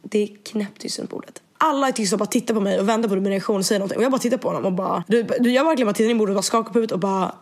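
A woman's voice: mid-range voice, hardly any pauses. A young woman with a speech impediment, casually retelling an event and acting out what everyone said. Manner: animated, quotes others with "jag bara", swears freely. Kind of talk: casual storytelling chat.

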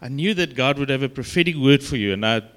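A man from South Africa with a broad Afrikaans accent, giving an informal sermon as a guest preacher in a halting, conversational, self-deprecating way. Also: mid-range voice, lively intonation, a bit bright.

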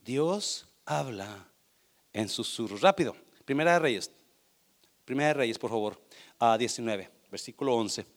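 A man preaching a sermon as pastor, swinging from hushed near-whispers to loud, emphatic passages. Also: medium pitch, lively intonation, a little slow. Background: instrumental music.

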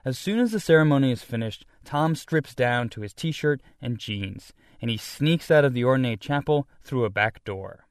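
A male reporter reads a radio news feature in a measured, storytelling way. His voice sits in a middle register, and the studio sound is dry and close with no room echo. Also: mid-range voice, animated. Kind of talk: scripted news narration.

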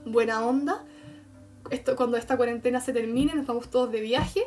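A woman's voice: on the high side, normal speed, a little mellow, soft background music, natural voice. Woman doing a party-loving Sagittarius moon, easygoing. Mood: carefree. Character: carefree adventurous personified Sagittarius moon.

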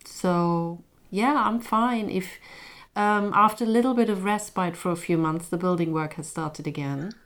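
A woman's voice: on the low side, measured pace. A woman chatting casually in a hesitant, understated way, often trailing off. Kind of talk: casual chat.

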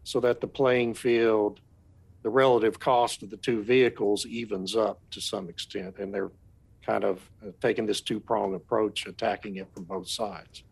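Gravelly, husky man in radio discussion. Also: on the low side, fairly even intonation, moderate pace. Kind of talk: conversational discussion.

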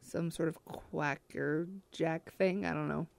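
A woman's voice: low voice, steady tone, takes it slowly, vocal fry, darkish tone. A woman co-hosting in casual banter, teasing and playing along with mock puzzlement, repeating what was said to her. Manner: teasing, reacts to jokes with mock puzzlement and echoed punchlines. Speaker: co-host playing along with the jokes.

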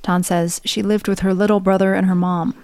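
A woman's voice: medium pitch, level tone, brisk, a little mellow, clear, resonant tone, dry recording. Woman narrator, plain storytelling, dead dry close sound. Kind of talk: scripted narration.

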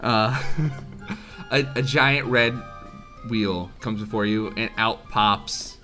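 Bright-voiced game master narrating. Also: male voice, fairly low pitch, soft background music. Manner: lively, quick narration with playful voices.

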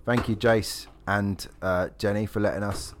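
A man's voice: fairly low pitch, steady tone, measured pace. A man hosting a live sports draw, announcing each number as a fixture and chatting casually in between. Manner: repeats each drawn number as a match announcement.

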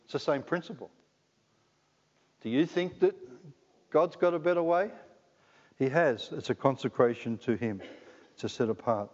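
A middle-aged Australian man with a medium-pitched, darkish voice preaches a sermon in a chatty, joking manner, often putting questions to the congregation. The recording is dull and lo-fi, made in a reverberant hall.

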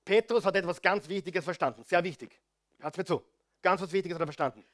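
A man preaching a sermon and reading from the Bible, talking straight to his listeners and swinging between soft asides and loud stresses. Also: high voice, quick pace. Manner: animated, addresses the audience directly.

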